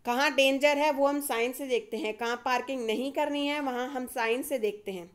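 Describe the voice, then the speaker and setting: A woman with an Indian accent teaching a casual video lesson, asking and answering her own questions in a lively way. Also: high-pitched, moderate pace.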